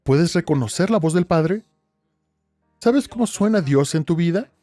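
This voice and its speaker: A man's voice: a little high, lively intonation, a little slow, mellow, no echo, faint music behind. A man preaching a sermon as pastor, emphatic, with rhetorical questions and repetition.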